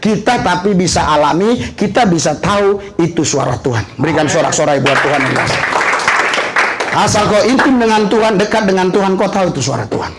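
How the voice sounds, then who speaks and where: A middle-aged man from Indonesia preaching a sermon, animated, acting out little dialogues with questions and calling out hallelujahs. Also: high voice, fairly quick, a crowd in the background. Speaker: pastor. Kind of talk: sermon with storytelling.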